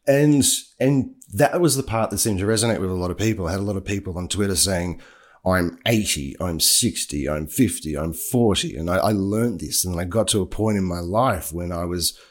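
Deep-voiced young man. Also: normal speed. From Australia. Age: young adult. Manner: earnest, reflective, with restarts. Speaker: podcast co-host and writer. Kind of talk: casual chat.

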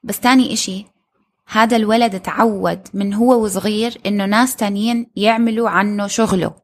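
A woman's voice: medium pitch, fairly even intonation, a little fast. A woman co-hosting a parenting chat, telling stories and quoting others expressively. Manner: storytelling, quotes others expressively. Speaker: podcast co-host, mother.

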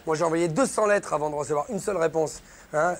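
Un acteur joue un employé de bureau sûr de lui, qui taquine et donne des ordres à ses collègues. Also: male voice, on the high side, fast talker, slight background noise, natural voice. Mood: preachy. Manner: teasing, bossy. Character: cocky, mocking office worker.

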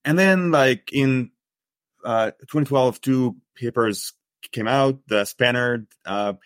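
A guest researcher from Egypt, a man in his thirties, speaks hesitantly on a casual podcast interview, full of "uh" and "like" and frequent restarts. His mid-range voice moves at a slow pace. The studio sound is clean, with no echo.

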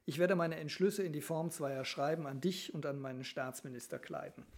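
A man voicing an ailing grand duke, the older brother, who speaks in a formal, tired and measured way in a novel reading. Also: on the high side, natural voice. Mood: weary formal.

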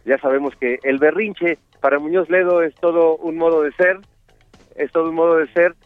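Halting Mexican male radio host, dull sound. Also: fairly high pitch, steady tone, no echo. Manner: halting, playful. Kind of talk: casual opening monologue. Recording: dull radio sound over faint music.

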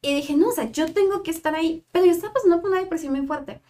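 High-voiced Mexican woman telling her story. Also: very fast. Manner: animated, acts out remembered dialogue. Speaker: psychologist guest. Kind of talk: casual storytelling.

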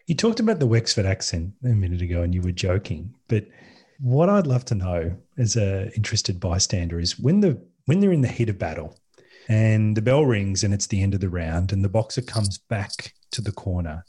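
Guy interviewer, lowish raspy voice, asks long careful questions. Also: sing-song, moderate pace, darkish tone.

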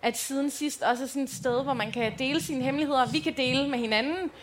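A high-pitched woman co-hosts a live podcast, telling family stories in a chatty way. Her talk is loose and full of filler words. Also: a little hiss or hum. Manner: chatty anecdotal storytelling with many fillers. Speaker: podcast co-host.

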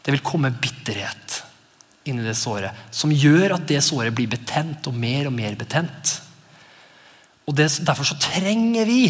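A male pastor in his thirties giving a lively, conversational sermon, sometimes acting out voices in his exclamations. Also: medium pitch. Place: church. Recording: long church reverb.

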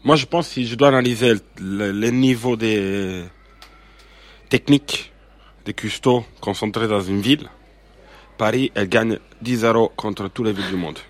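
A man's voice: fairly low pitch, normal speed. A man from Sardinia, a chef giving strong opinions as a guest in a radio interview. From Sardinia, Italy. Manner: emphatic, opinionated, with many hesitations.

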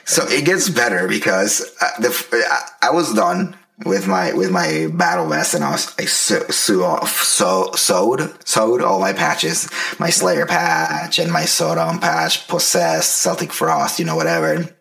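A man's voice: mid-range voice, big pitch swings, a little slow, creaky, hardly any pauses, sharp tone. A man in his early forties telling stories in a casual, slangy, profane way as a podcast host. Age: early 40s. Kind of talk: casual anecdotal storytelling.

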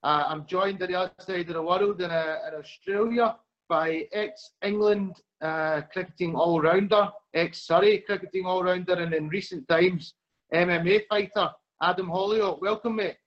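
A man with a broad Glaswegian Scottish accent hosting a conversational podcast interview, speaking in a halting, deliberately slowed way. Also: high voice, steady tone. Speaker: podcast host. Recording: dull lo-fi audio.

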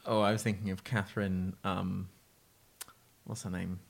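A man's voice: low-pitched, flat delivery, moderate pace, creaky. A man hosting a casual podcast over drinks, opinionated and rambling, often trailing off and repeating words. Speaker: podcast host. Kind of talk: casual drunk chat.

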